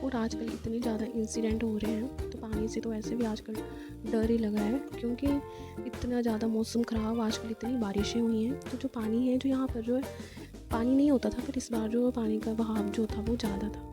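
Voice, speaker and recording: A woman's voice: on the high side, flat delivery, normal speed, over music. A young woman narrating her day out with a friend in a rambling, chatty vlog voice-over, full of fillers. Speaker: vlogger.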